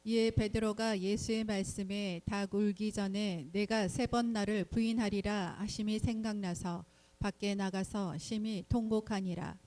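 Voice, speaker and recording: A woman reads scripture passages aloud in a warm, mellow voice. Her delivery is even and measured, at a middle pitch. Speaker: scripture reader.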